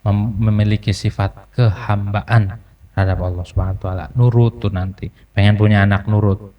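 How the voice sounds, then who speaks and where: A man preaching a sermon, joking and telling lively stories with sudden high jumps in his voice. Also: normal speed, far from the mic, muffled recording. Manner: humorous, lively storytelling with sudden pitch jumps.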